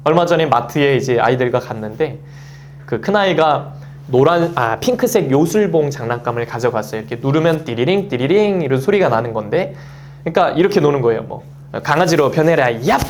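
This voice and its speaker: A man's voice: medium pitch, lively intonation, fairly quick, a little mellow, a little hiss or hum. A man in his thirties preaching a Sunday sermon as pastor, acting out quoted voices and a child's play as he goes.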